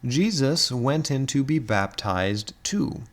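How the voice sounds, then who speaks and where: A man talks through scripture in a reflective, conversational way, with chuckles and filler words along the way. His voice sits at a middling pitch for a man, and his tone stays measured and thoughtful. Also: animated. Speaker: author and commentator. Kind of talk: explanatory talk on scripture.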